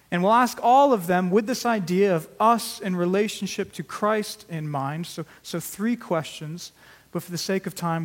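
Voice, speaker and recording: A man's voice: high-pitched, big-room sound. A man preaching an earnest sermon as pastor, with emphatic rises in volume on key words.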